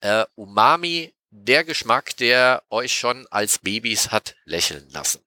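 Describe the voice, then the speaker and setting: Bright-voiced man explaining food science. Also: medium pitch, big pitch swings, measured pace, dry recording. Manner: explains patiently in a lecturing tone, with frequent 'äh' and 'ähm' hesitations. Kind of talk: casual explanatory podcast talk.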